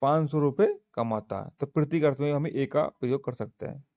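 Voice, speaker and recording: A man teaching an exam-prep grammar lesson, slowly walking through examples and answering his own questions. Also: medium pitch, mellow, no echo.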